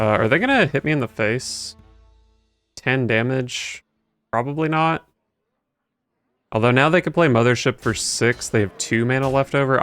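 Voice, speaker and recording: A man's voice: on the low side, fairly bright tone, clean tone. A man giving casual, dry and sardonic gameplay commentary, thinking his moves through aloud. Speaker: game streamer. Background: game music.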